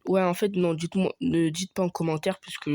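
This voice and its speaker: A man's voice: high-pitched, flat delivery, brisk, a little mellow. A young man giving casual commentary over his own gameplay, thinking aloud with many hesitations and fillers. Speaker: gaming youtuber.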